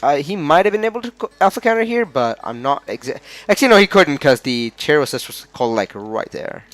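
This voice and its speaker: A man's voice: on the high side, very animated, fairly quick, fairly bright tone, no echo, soft background music. A man with an Australian accent giving casual analysis of a fighting game match, chatty and often stumbling over the players' names.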